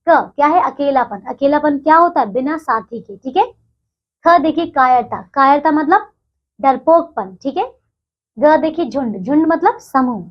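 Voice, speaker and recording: A woman's voice: high-pitched, highs cut off. A woman teacher explaining a textbook chapter to young children, checking in with them again and again as she goes. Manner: addresses children, repeats "ठीक है बच्चों" often.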